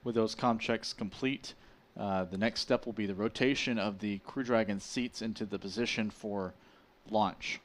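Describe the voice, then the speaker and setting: Low-voiced male live launch commentator. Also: fairly even intonation, moderate pace.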